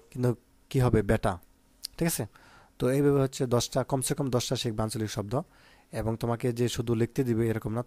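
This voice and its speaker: A male teacher going through exam questions for young students, often checking "okay?" and pausing with fillers. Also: medium pitch, a little mellow, no room sound. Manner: asks "ঠিক আছে?" often, with many "আহ" fillers. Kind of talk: exam prep lesson.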